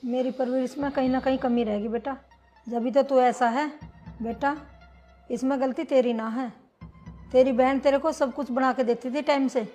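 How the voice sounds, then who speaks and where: A middle-aged woman playing a mother who defends her daughter-in-law and scolds her son, reasoning gently. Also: high voice, fairly even intonation, normal speed, soft background music. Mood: scolding. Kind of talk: family drama short.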